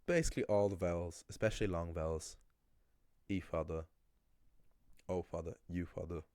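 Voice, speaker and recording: Blunt man with a very deep voice. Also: steady tone, moderate pace, a little mellow. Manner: blunt and opinionated, full of restarts. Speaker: language teacher. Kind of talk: casual explanatory monologue.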